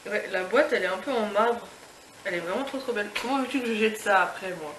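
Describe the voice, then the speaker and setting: A woman's voice: mid-range voice, quick pace. Young woman, casual unboxing chat, gushing, echoey room, noisy background. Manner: gushing, full of fillers and restarts. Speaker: beauty and lifestyle vlogger.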